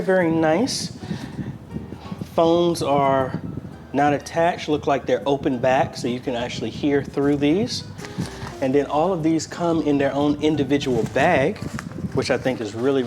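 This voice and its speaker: Here the American host's voice sits in the mid-range and moves a little slowly, with music in the background. He's a video host and church media ministry member, unboxing something casually in his apartment and talking it through without a script.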